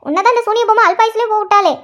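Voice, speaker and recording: A woman voicing a lazy, sharp-tongued young daughter in a cartoon story, speaking in a high, mocking voice. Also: very fast. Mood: mocking, cheeky.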